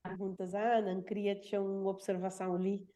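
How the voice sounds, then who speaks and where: A woman hosting a live conversation, speaking slowly and thoughtfully, with hesitations. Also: mid-range voice, flat delivery, a crowd in the background. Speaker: host of a live talk.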